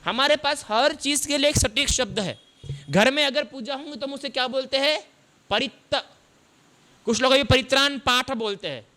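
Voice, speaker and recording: A man's voice: very high-pitched, moderate pace, sharp tone. A man giving a sermon as a Buddhist monk, asking his listeners questions and answering them himself as he explains what words mean. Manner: explains word meanings step by step.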